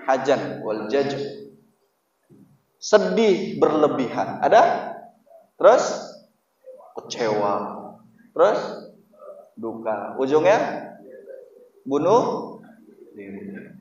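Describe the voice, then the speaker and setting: A man preaching an Islamic sermon, often putting questions to his listeners. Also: medium pitch. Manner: lively, asks the audience questions often. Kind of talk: Islamic sermon to a male audience. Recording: echoey hall, distant mic, dull lo-fi sound.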